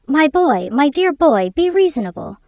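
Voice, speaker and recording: A woman's voice: high-pitched, very animated, normal speed, mellow, no room sound, pitched above the performer's own voice. A woman reading aloud, voicing an agitated elderly male millionaire who pleads and protests in sputtering bursts. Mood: pleading.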